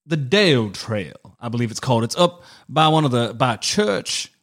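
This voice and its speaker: A man playing a tabletop game, asking questions hesitantly with many pauses and fillers. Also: mid-range voice, very animated, fairly bright tone. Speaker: player. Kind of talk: tabletop role-play.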